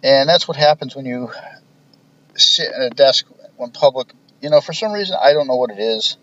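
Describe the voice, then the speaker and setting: A middle-aged man, a retired police officer, telling wry, profane stories from his career in a deadpan way. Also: medium pitch, normal speed. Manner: profane, wry, deadpan storytelling with quoted dialogue. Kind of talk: casual storytelling. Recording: dull lo-fi podcast recording, faint hiss.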